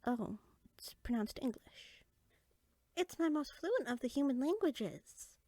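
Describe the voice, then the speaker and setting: In a conversational roleplay audio drama, a woman plays a curious, friendly young fairy sorcerer who is chatty and eager, with soft asides. Her voice sits high with big pitch swings and slow delivery, heavily acted, with no room sound.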